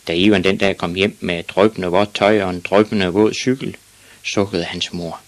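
A man reading a children's book aloud on the radio in a lively, expressive way. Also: low voice. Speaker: radio storyteller.

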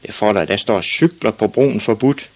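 A man's voice: fairly low pitch, a little mellow. A man voicing a grumpy old fisherman who lectures a child sternly.

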